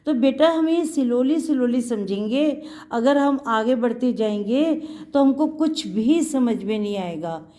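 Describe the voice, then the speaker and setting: A woman's voice: a little high, lively intonation, measured pace, mellow. A woman giving a patient lesson to young children, sounding out syllables and repeating them for the class. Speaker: Hindi teacher for young children.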